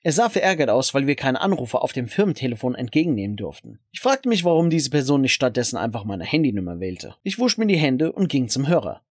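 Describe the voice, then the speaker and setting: A young man narrating an animated storytime with an expressive, emotional telling in a dry close voice-over. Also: mid-range voice, fast talker, hardly any pauses, dry recording.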